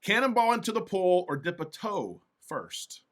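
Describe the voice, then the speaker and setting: A man hosting a casual interview, agreeable and quick to echo short affirmations. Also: high voice, big pitch swings, a little hiss or hum. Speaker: interview host.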